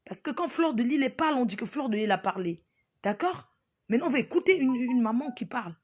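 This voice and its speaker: A woman's voice: a little high, expressive, fast, a little mellow, breathy edge. A woman hosting a live stream, scolding her viewers in an exasperated, repetitive way. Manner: exasperated, repeats herself, scolding.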